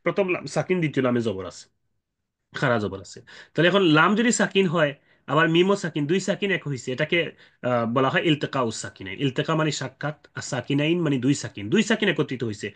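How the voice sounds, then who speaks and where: A man's voice: fairly high pitch, a bit bright. A man teaching Quran recitation rules, explaining step by step with many fillers and repeated points.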